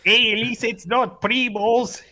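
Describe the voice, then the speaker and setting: A man's voice: extremely high pitch, steady tone, unhurried, sharp tone. A man co-hosting a casual podcast, asking curious questions and reacting with short replies. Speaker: podcast co-host. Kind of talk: casual chat.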